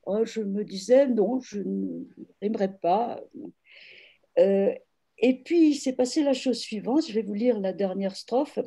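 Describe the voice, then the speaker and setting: A woman literary translator explaining her work in an online panel discussion, reflective and hesitant, with frequent pauses and restarts. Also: medium pitch, vocal fry, dark tone, slightly rough. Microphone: video call.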